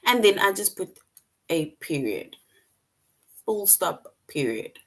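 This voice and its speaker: A woman's voice: fairly low pitch, sing-song, slow. A woman teaching an online English lesson to young children, patient and repetitive, often checking in with "right?".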